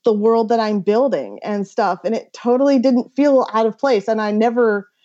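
A woman appears as a guest author on a podcast, chatting casually in a giggly, animated way and sprinkling "like" throughout her stories. Her voice is fairly high and moderately paced, and the recording has a lo-fi sound.

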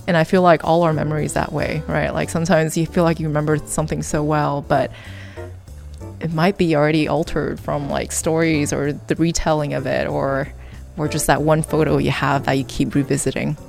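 A woman from Taiwan with a low, gravelly voice, sharing her story as a guest artist. She is thoughtful and reflective, and she often pauses on small fillers as she talks. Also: level tone, a little mellow, soft background music. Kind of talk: reflective interview talk.

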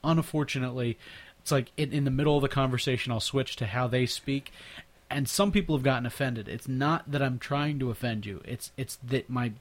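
A man of ordinary pitch hosting a casual podcast. He rambles through stories, repeats himself and breaks into frequent laughs. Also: brisk. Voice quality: natural mimic who slips into others' accents. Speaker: podcast host. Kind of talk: casual chat.

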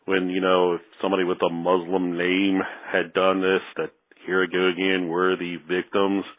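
A deep-voiced man leaves a voicemail for a show, halting and repeating words as he searches for his phrasing. He is from the Midwest, and the message has a lo-fi, radio-like sound. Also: monotone, fairly bright tone. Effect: leaving a voicemail. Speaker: caller.

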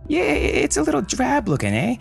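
A man's voice: mid-range voice, expressive, very slow, fairly bright tone, faint music behind, voice pushed up. A man voicing a middle-aged suburban mother who taunts her captor with wry defiance. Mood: defiant wry. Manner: wry, taunting, hesitant at first.

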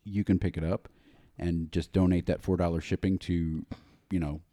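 Low-voiced man hosting a podcast. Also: moderate pace, no room sound, clean studio sound. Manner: relaxed, chatty announcements with fillers. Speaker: podcast host. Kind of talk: casual chat.

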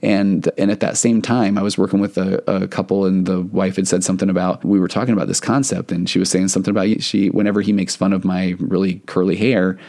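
A middle-aged man talks through his podcast alone, earnest and meandering, often restarting his sentences. His voice sits a little low and sounds mellow and relaxed. He speaks as a therapist explaining ideas to his listeners. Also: fast talker, vocal fry, few pauses. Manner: rambling, earnest, many restarts. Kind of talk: solo podcast monologue.

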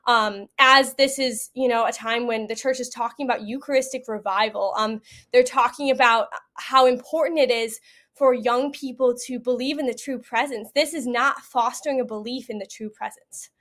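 A young adult woman who went to World Youth Day talks as an interview guest, earnestly sharing her eyewitness story and frequently saying "you know." She speaks at normal speed in a voice on the high side, fairly even in intonation and slightly bright.

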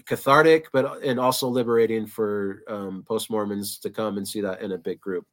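A man's voice: lowish voice, fairly even intonation, normal speed, fairly bright tone. A man speaking as a filmmaker guest in a casual interview, enthusiastic but a little hesitant.

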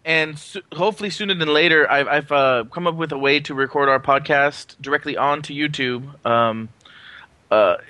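A man hosting a podcast in a casual, halting, rambling way from his apartment. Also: fairly high pitch, bright, forceful tone, dry recording. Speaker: podcast host. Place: apartment, remote recording.

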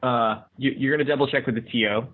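A man co-hosting a podcast, giving quick, blunt advice in casual chat. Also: mid-range voice, fairly even intonation, husky. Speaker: podcast co-host. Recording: tinny phone-like sound.

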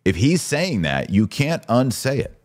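A podcast host with a mid-range voice sounds very animated while keeping a measured pace. He gives religious commentary in a casual, conversational style, with an emphatic and indignant manner.

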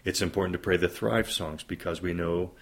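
A man's voice: deep voice, fairly even intonation, a little fast. A man in his fifties who is a pastor, speaking earnestly and reflectively in an interview conversation and building lists for emphasis.

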